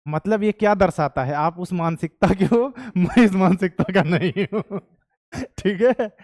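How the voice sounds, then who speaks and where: A man's voice: high voice, measured pace, a little mellow, no room sound, studio quality. A young adult man with an Indian accent teaching history to a class, joking with students and slipping between Hindi and English. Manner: jokey, mixes Hindi and English, asks the class questions. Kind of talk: classroom lecture.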